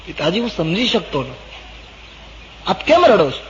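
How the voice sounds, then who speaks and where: A man's voice: big pitch swings, normal speed, a bit bright, slight background noise. A man voicing an earnestly pleading young prince. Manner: pleading, high and urgent. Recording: dull old recording in a reverberant hall.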